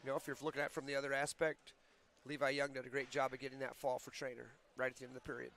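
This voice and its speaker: A man's voice: mid-range voice, little pitch movement, racing, a bit bright. Male wrestling commentator, chatty explainer, some light background noise. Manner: chatty, explains rules and team math. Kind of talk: local sports commentary. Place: school gym.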